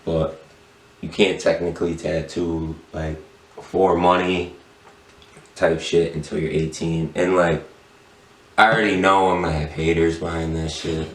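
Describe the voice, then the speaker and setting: Guesting on a podcast, this middle-aged tattoo shop owner talks casually in a relaxed, slang-filled stoner drawl. His deep voice has little pitch movement, and he keeps a measured pace with long pauses. The recording sounds roomy and echoey from a distant mic.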